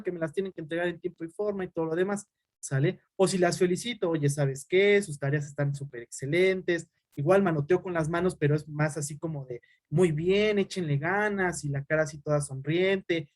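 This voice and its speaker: A young adult man teaching an online class, talking quickly and often checking in with his students. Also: high-pitched, a little mellow, no room sound. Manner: fast-talking, uses "¿sale?" as a tag.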